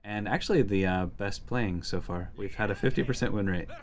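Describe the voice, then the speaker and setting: A man with a fairly low voice talks fairly quickly while playing a card game, offering casual commentary as a host. He thinks aloud as he weighs his options.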